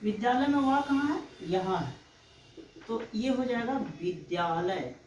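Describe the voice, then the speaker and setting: A woman teacher giving a slow, explanatory exam-prep lecture, often pausing to check that students follow. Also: a little high, darkish tone, a little hiss or hum. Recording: echoey room, mic far off.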